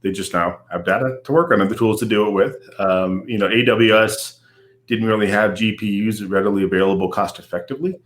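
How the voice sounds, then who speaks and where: Low-voiced man explaining. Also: a little fast. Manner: explanatory, frequent "um" and "you know". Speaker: guest, company CEO. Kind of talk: casual business interview.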